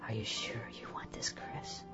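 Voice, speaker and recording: A man voicing a seductive, teasing woman in her late thirties, in a breathy whisper. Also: unhurried, lightly acted. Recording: dull, echoey, with soft music.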